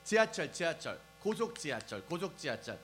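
Guy preaching to young folks, high voice that jumps around a lot, keeps asking the crowd stuff, soft music and hum in back. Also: normal speed, poor audio. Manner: animated, asks the crowd questions and acts out scenes. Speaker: preacher at a youth service. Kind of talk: lively sermon to young people. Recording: faint music and mains hum behind.

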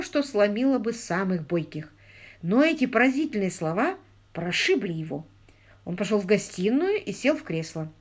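A woman narrating a comic story in a dry, ironic way. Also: a little high. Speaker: audiobook narrator. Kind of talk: scripted narration.

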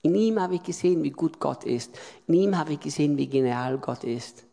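A man preaching with a high, gravelly voice, hammering points home through repetition and sudden loud swells. His sermon rings out with the long reverb of a large hall. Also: animated, a little fast.

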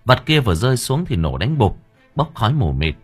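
A man narrating an audio story in a vivid, expressive way. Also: medium pitch, fairly quick, husky, faint music behind.

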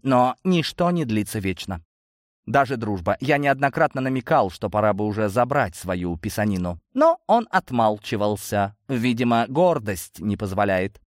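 A man's voice: on the low side, sing-song, normal speed, dry recording, clean studio sound. A man reading a cold, proud professor.

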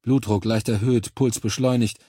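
A man reading a calm, clinical army medic. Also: mid-range voice, normal speed, breathy edge, no echo, studio quality, close to an everyday voice. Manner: clinical, matter-of-fact explaining. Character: composed male army medic examining alien bodies.

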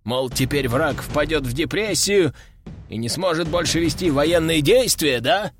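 A man's voice: fairly high pitch, lively intonation, a little slow, soft background music. A man voicing an eager, fawning chief scout in an audiobook.

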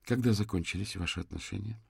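A man's voice: on the low side, vocal fry, a little mellow, slightly rough, no room sound, clean studio sound, heavily acted. A man reading a cold female detective. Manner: cool, clipped, deliberate questioning.

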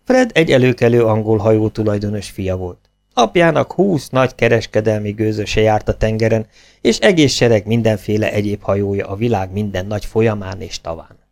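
A man's voice: lowish voice, expressive, creaky, a little mellow. A man reading a children's storybook aloud as narrator, dropping his voice for speech tags. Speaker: audiobook reader.

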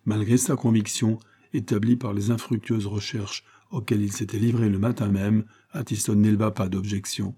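Guy reading an old novel out loud, real dark husky voice, steady storytelling. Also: on the low side, moderate pace, hardly any pauses. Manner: even storytelling, lifts voice for quoted speech. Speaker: audiobook reader. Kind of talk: scripted narration of a classic novel.

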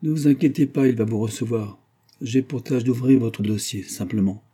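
A man's voice: medium pitch, moderate pace, dark tone, husky, close to an everyday voice. A man reading the part of an officious gendarmerie sergeant who speaks in clipped, slightly condescending phrases.

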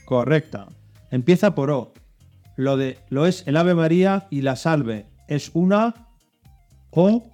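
A man runs a children's religious quiz, his voice sitting a little high for a man. He reads each clue, then nudges the young contestants along with hints. Soft music plays faintly behind him. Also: expressive, slow pace, pauses often. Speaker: quiz host.

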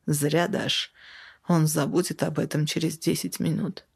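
A woman voicing a calm, sarcastic young man trading barbs in a stuck lift. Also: low-pitched, measured pace, creaky, husky, exaggerated voice.

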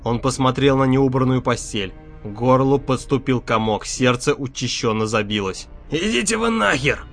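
A man reading an audiobook chapter aloud in a steady, tense narration, close to the microphone. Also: medium pitch, moderate pace, hardly any pauses, faint music behind. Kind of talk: scripted narration.

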